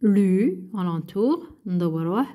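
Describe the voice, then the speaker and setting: A woman, a primary school teacher going through a workbook, who talks slowly and patiently, repeats each word and translates it into Arabic. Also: medium pitch, big pitch swings, mellow. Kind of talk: workbook lesson.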